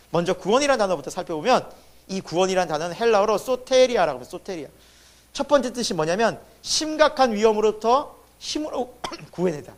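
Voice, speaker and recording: A high-pitched man preaches a sermon as a pastor in a church sanctuary. He poses questions to the congregation and answers them himself, his voice swinging from loud emphasis to sudden hushed drops.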